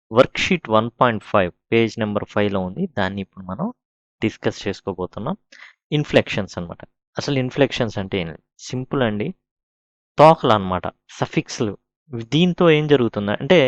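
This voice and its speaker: A man's voice: on the low side, dry recording, muffled recording. A man, teaching an English grammar lesson. He explains patiently, spells words out letter by letter, and asks questions that he answers himself.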